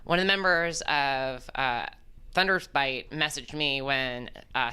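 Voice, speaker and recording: A woman's voice: very deep voice, bright, forceful tone, smooth. A woman from South Carolina chatting casually on a podcast at her house, rambling and joking with lots of fillers. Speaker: band frontwoman and house-show host.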